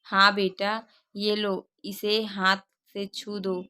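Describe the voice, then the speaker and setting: A kind, affectionate mother-in-law speaks gently in a storybook tale, voiced by a woman reading it. Her tone is sweet and unhurried. The voice is clear and bright with little rise and fall. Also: medium pitch, flat delivery.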